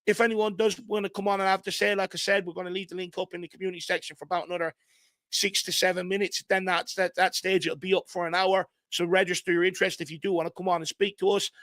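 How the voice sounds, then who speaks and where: A man's voice: sits high, level tone, quick pace, fairly bright tone, no room sound. A man hosting a casual football live stream. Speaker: host.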